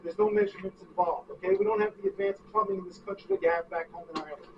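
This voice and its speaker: An actor playing a brash, foul-mouthed man rushing to catch a plane, talking in a pushy, rapid-fire way. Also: sits high, steady tone, natural voice. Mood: on phone. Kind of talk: indie film acting. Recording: distant, dull, noisy lo-fi recording.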